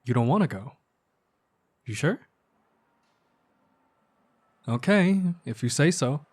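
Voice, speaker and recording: Hesitant and sincere, a man plays an earnest young best friend in an ASMR roleplay, his voice animated, slow and husky at an average male pitch. The phrasing is casual and halting, and the delivery is intimate and soft-hearted, aimed at one close listener.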